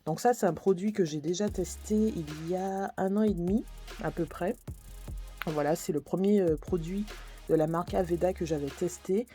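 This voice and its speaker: Woman, beauty vlogger; casual, hesitant product review read off labels; warm, relaxed tone. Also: lowish voice, moderate pace, soft background music. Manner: hesitant, many fillers, reads labels aloud.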